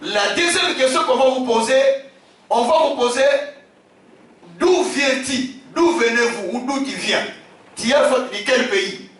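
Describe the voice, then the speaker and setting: A man from Africa, a bishop preaching a sermon, emphatic, repeating his phrases and shouting key lines. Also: very high-pitched, a little slow. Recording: very echoey hall, distant from the mic.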